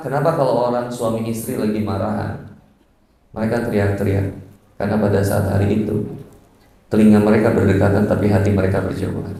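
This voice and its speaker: A man preaching a humorous sermon in a mosque, joking with the crowd, acting out quarrels in sudden high voices and chanting Arabic verses slowly. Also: warm tone, a little hiss or hum. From West Java. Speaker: Islamic preacher. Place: mosque hall. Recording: very echoey mosque hall.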